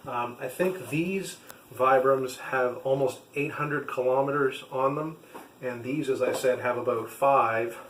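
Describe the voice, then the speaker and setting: A vlogger and trail runner talks casually to camera, reviewing gear like a hobby vlogger, his explanations a bit rambling and full of hesitations. His average-pitched voice is a little slow and somewhat bright. The room sounds echoey, with faint background noise.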